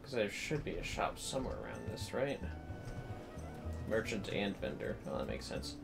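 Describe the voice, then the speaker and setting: Speaking at normal speed, this man has a lowish, gravelly, very animated voice, and music plays in the background. He's streaming games casually from home, muttering to himself and joking with his viewers.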